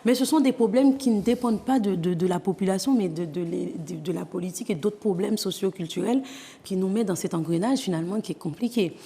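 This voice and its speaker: A Haitian woman in her thirties, a guest author, gives interview testimony in a Haitian accent, speaking earnestly with many hesitations. Her medium-pitched voice is mellow and quick, with a big-room sound.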